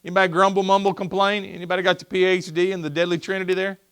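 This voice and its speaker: A man's voice: high voice, rapid-fire, clear, resonant tone. A male pastor preaching a sermon, asking the congregation questions and acting out the voices of people in the story. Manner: animated, asks the congregation questions and acts out voices. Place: church sanctuary.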